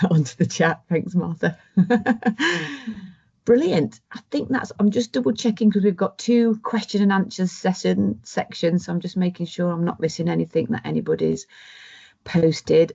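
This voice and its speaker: A woman with a low, gravelly voice hosts an online webinar, reading out audience questions and thanking her guests. The audio is dull and lo-fi, as over a video call. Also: animated, unhurried, dark tone. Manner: reads out audience questions, thanks speakers often. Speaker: webinar host.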